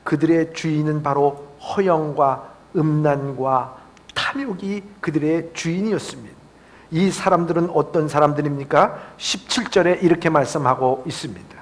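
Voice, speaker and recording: Male pastor, high-pitched and emphatic, delivering a sermon. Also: normal speed. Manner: emphatic, climbs high on stressed phrases.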